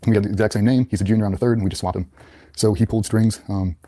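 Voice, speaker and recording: A man with a low, mellow voice rattles through his story at a quick clip. He sounds blunt and matter-of-fact, a former Navy SEAL recounting his past as an interview guest. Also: fairly even intonation. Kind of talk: casual storytelling.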